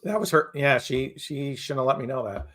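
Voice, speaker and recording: A man's voice: medium pitch, normal speed, fairly bright tone. Man musing in casual podcast chat. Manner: loose, repeats words, lots of "you know". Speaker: real estate podcast co-host.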